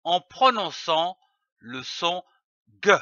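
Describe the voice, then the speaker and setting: Man, reading teacher, somewhat high pitch, spells out syllables very slowly, close and dry. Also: very animated, bright, forceful tone, dry recording, lo-fi sound. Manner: spells out letters slowly and carefully. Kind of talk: slow syllable-by-syllable reading lesson.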